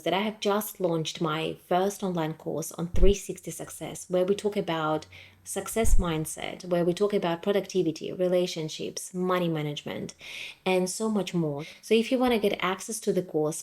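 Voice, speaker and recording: Firm, direct woman from Ukraine, low voice. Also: a little mellow. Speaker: motivational vlogger. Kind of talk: scripted motivational talk.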